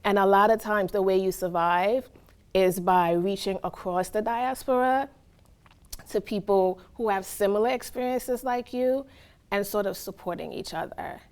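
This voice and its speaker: A woman's voice: mid-range voice, normal speed, darkish tone, smooth. A woman from Trinidad and Tobago giving reflective, earnest answers in a casual interview, often checking in with "right?". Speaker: interviewee, college staff.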